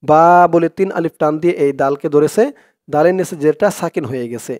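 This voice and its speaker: Guy teaching quran reading, high voice, spells it out then chants slow. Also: darkish tone, no echo, studio quality. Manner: explains spelling rules, then chants verses slowly and drawn out. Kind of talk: step-by-step recitation lesson.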